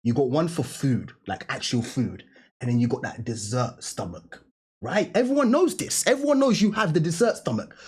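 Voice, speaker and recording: A man, from Denmark, telling a trip story to camera in a slangy, animated way. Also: medium pitch, normal speed, slightly rough. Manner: slangy, animated, laughing often. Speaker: vlogger.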